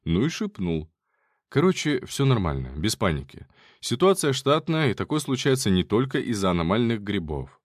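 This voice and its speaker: A man's voice: lowish voice, big pitch swings, normal speed, no echo, clean studio sound. A man giving casual first-person audiobook narration in a wry, colloquial manner.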